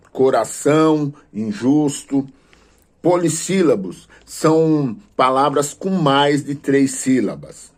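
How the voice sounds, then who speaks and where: Man, grammar teacher, theology class, hesitant fillers, patient explaining, mid pitch. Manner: hesitant, many filler sounds and restarts, then steady explaining. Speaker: teacher of Portuguese for a theology course. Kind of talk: classroom lesson with prayerful asides.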